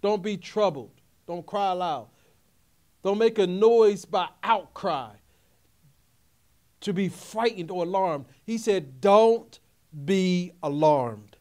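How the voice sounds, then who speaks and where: A man's voice: sits high, slow pace, pauses often, darkish tone. A middle-aged man preaching a sermon, emphatic and repetitive, calling out questions to his congregation. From Philadelphia area. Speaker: pastor.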